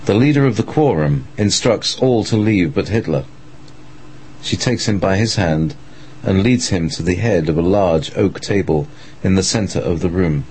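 A man with a low voice narrates a scripted story in a dramatic style. The recording carries clear background noise. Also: moderate pace, a little mellow, rough recording.

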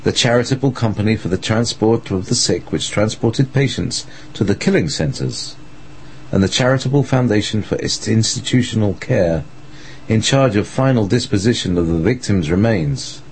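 A man with a low voice narrates a scripted story in a dramatic style. The recording carries clear background noise. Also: expressive, moderate pace, low-quality recording.

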